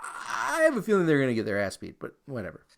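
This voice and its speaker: A man's voice: mid-range voice, quick pace, creaky. A man co-hosting a casual soccer podcast, joking and swearing freely. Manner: joking, profane, lively. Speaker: podcast co-host. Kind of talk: casual sports podcast chat.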